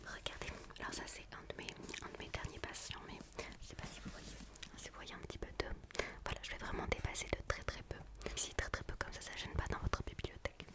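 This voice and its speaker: A woman doing a whispered role-play as a gentle, quirky book therapist, in a hushed library whisper, softly repeating phrases to soothe. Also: fast. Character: quirky, gentle female book physiotherapist attending a patient. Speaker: ASMR performer playing a book therapist.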